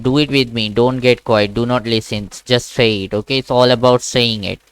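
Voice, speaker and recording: Flat-voiced man teaching pronunciation. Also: medium pitch, clear, resonant tone, dry recording, rough recording. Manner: patient, repeats words slowly for a child to copy. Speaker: online Quran teacher. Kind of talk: one-on-one online lesson.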